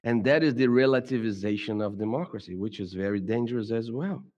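A middle-aged man from Brazil, accented in Brazilian Portuguese, addresses a congregation thoughtfully while repeatedly stumbling and restarting. His voice runs on the low side, a little fast and darkish, captured in lo-fi sound with long hall reverb.

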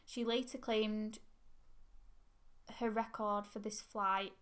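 A woman, co-hosting a podcast and reading history notes in steady runs. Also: medium pitch, takes it slowly. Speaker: podcast co-host.

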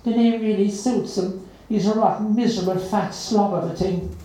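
A reader voicing a nasty, spiteful schoolgirl in a storybook, shrill and sneering. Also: steady tone, moderate pace, warm tone, heavy reverb, slight background noise, natural voice, low-quality recording.

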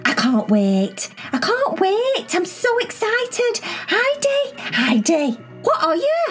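A woman voicing Cherry, a bubbly, excitable young girl who rambles on in a squealing high voice. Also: slow pace, heavily acted. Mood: excited.

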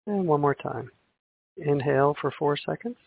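A man leading a guided meditation in a slow, soothing sleep story narrator manner, with long pauses between gentle instructions. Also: on the high side, vocal fry, husky, no echo. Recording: muffled, phone-like narrow sound.

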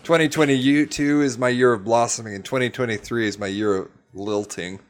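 A man's voice: mid-range voice, steady tone, brisk. A man co-hosting a casual podcast, joking around playfully with his friends. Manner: jokey, playful. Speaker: podcast co-host. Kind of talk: casual chat.

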